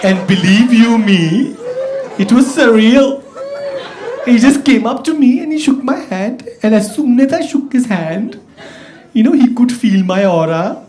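A man's voice: sits high, background noise. A stand-up comedian, a man, playing a woman gushing dreamily about meeting her husband, over a laughing club crowd. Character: gushing woman telling a love story.

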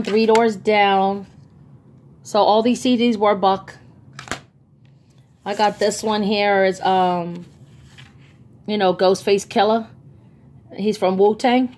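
Holding her phone off camera, a vlogger makes a casual haul video, chatting enthusiastically about her bargain finds with plenty of ums. Her mid-range voice is steady and darkish, measured in pace with frequent pauses, and a little hiss or hum can be heard.

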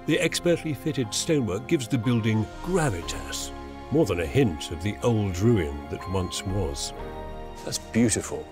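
An older man narrates a documentary with a wry, enthusiastic delivery. His pitch rises and falls in a lively way. Music plays clearly behind him. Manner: wry, enthusiastic, theatrical exclamations. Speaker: TV presenter. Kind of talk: documentary narration and on-site interviews. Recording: music bed under narration.

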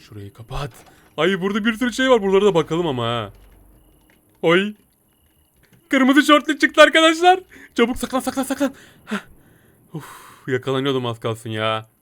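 Excitable man in a game commentary. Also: fairly high pitch. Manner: excitable, jumpy exclamations and repeated words. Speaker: gaming video host. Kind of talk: playful let's-play commentary, speaking as a talking cat.

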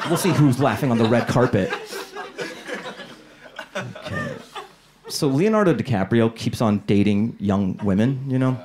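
A man in his thirties doing a stand-up comedy set on a club stage with a handheld mic, animated and working the crowd. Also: mid-range voice, measured pace, pauses often, noisy background. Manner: animated, crowd work, acts out voices. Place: comedy club stage before a laughing audience. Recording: live club recording with loud crowd laughter.

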